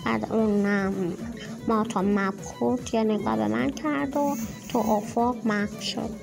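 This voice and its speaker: A woman telling a personal anecdote in a hesitant way, with pauses and fillers. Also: on the high side, steady tone, gravelly, over loud music, poor audio.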